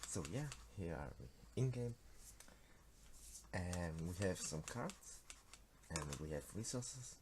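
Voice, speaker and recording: Over a noisy background, a teenage male game developer from Switzerland talks through his card game in a casual screen-recorded devlog. He's a native Swiss German speaker with the matching accent, and his low voice is animated but slow. He hesitates often, using many fillers and restarts.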